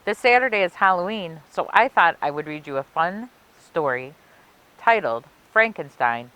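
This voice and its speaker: A woman whose smooth voice sits on the low side reads a children's picture book at library story time, shaping the story with deliberate expression. The recording is rough.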